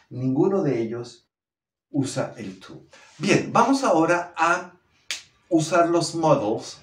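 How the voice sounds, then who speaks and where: Guy teaching english, drags out example phrases, higher voice, roomy echo. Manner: slow, drawn-out model pronunciation of English phrases. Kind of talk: language lesson. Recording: echoey room.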